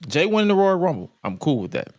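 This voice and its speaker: Animated man giving blunt opinions. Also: a little high, fast. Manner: blunt, emphatic, profane. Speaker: wrestling podcast co-host. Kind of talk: casual chat, opinionated commentary.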